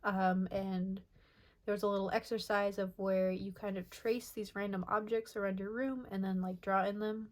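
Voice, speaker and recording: A young woman casually narrating over her sketchbook pages, soft and rambling with many pauses and filler words. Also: medium pitch, little pitch movement. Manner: soft, rambling, many ums and self-corrections. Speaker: artist showing her sketchbook.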